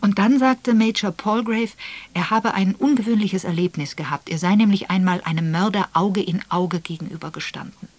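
A woman uses a natural-sounding, mid-range voice at normal speed, pitched above her own, to play a hesitant young secretary.

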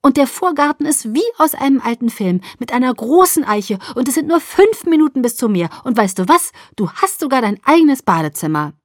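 A woman voicing a doting, chatty middle-aged mother who gushes excitedly in a higher, livelier voice. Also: no echo, clean studio sound. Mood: gushing. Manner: gushing, rapid, excited chatter.

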